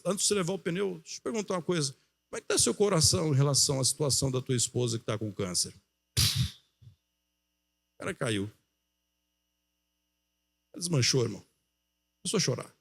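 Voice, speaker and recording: A male pastor preaching a sermon in a church, telling a story with animated delivery and acting out the voices of the people in it. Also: on the high side, a little fast, creaky, pauses often. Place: church auditorium.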